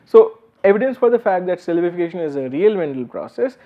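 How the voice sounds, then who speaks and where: A man's voice: high voice, expressive, fast talker. A man giving a university lecture, explaining step by step with many "uh"s and restarts. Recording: slightly dull lo-fi recording.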